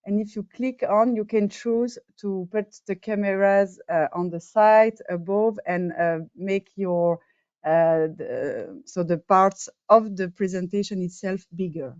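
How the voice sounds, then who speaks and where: A woman's voice: mid-range voice, a little slow, darkish tone, smooth, no room sound. A woman hosting an online meeting, hesitant with many fillers. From Belgium. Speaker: meeting host, co-chair. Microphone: video call. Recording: dull, dry video call audio.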